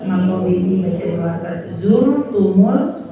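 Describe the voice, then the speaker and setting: Slow-talking woman teaching Quran recitation. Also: lowish voice, steady tone, noisy background. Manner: patient, demonstrates recitation then explains. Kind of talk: tajwid lesson to women. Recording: echoey room, far from mic.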